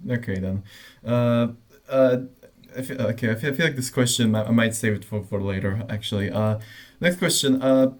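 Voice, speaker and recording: A man's voice: medium pitch, normal speed. A man interviewing a musician, English not his first language, hesitant with many fillers. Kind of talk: casual interview.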